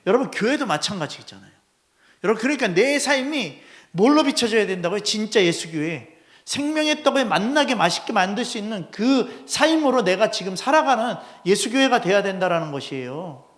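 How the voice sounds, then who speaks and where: A male head pastor preaching a Sunday sermon in a church, animated and constantly asking the congregation rhetorical questions. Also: sits high, fairly quick. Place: church sanctuary.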